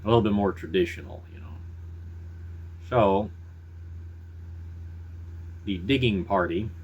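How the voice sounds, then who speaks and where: A middle-aged man chatting casually to viewers in a folksy, unhurried, halting way. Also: lowish voice, darkish tone, muffled recording, slight background noise. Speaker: pipe-smoking vlogger. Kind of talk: casual rambling chat to viewers.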